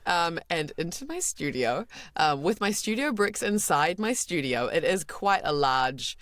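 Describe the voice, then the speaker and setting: A woman's voice: fairly low pitch, sing-song, unhurried, a bit bright, no echo. A woman in her thirties with a New Zealand accent, chatting casually and self-deprecatingly as a podcast guest. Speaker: guest voice actor.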